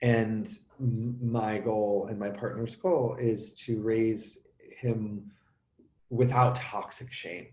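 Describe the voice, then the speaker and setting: A middle-aged man talking openly as an interview guest, animated and halting, often restarting and acting out sounds. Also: lowish voice, roomy sound, slight background noise. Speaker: actor and coach, interview guest. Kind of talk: emotional conversational interview.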